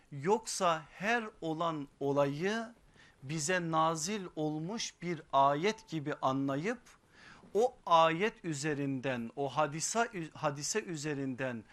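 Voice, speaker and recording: A man's voice: fairly high pitch, a bit bright. A man delivering a sermon at a pulpit microphone, solemn and building in rhythmic lists. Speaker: preacher.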